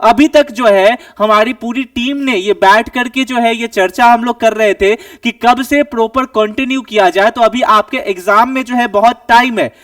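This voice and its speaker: Earnest high-voiced coaching teacher. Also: male voice, moderate pace, hardly any pauses, fairly bright tone, dry recording, clean studio sound, recorded from a distance. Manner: earnest, advising, rhetorical questions. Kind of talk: explaining a recruitment notice to students.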